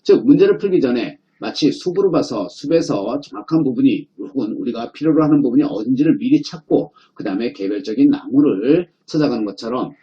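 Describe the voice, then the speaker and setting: A man delivering a recorded exam-prep lecture in a mellow, darkish voice at an ordinary middle pitch. He keeps tossing out rhetorical questions and answering them himself. The sound is slightly muffled and lo-fi. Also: expressive, fairly quick, hardly any pauses. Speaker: English teacher.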